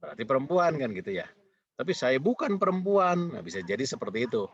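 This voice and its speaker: Husky-voiced man lecturing, dull recording. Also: medium pitch, big pitch swings, brisk. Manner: rambling, repetitive, with many fillers.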